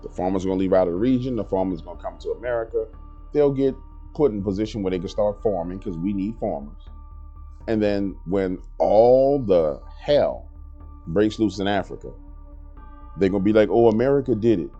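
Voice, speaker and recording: A man delivers blunt, emphatic commentary in a very low, dark voice. The recording sounds slightly dull, with faint music underneath. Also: animated, fairly quick. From New Orleans, Louisiana. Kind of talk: casual commentary.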